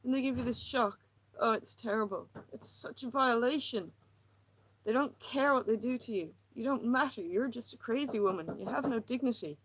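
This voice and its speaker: A frantic, wounded housewife pours out her grievances in a high, climbing voice, as a woman reading the story puts her on. She rambles and pleads, pushing harder than the calm narration around her. A troubled figure from an audiobook. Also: normal speed, slight background noise, natural voice, low-quality recording. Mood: anguished.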